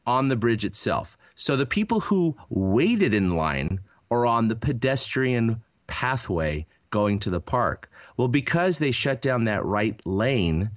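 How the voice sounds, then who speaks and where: A man in his thirties tells a long rambling story in a casual podcast chat, his pitch swinging up and down as he goes. He stumbles through fillers and restarts. The sound is close and dry, with no room around it. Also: big pitch swings, slow pace, hardly any pauses, no echo. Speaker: podcast co-host.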